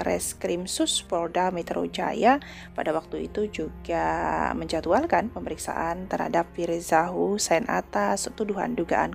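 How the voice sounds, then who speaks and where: A woman with a low, strongly gravelly, creaky voice reading news stories in a casual, chatty way for her online channel. Faint music plays under her. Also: a little mellow. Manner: chatty reading, addresses listeners as "gengs".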